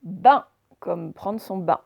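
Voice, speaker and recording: A woman gives a phonics reading lesson at a very unhurried pace, sounding out each letter with care. Her voice sits a little high and has a gravelly, creaky edge. She keeps quizzing her listeners on what they hear. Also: animated. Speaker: teacher.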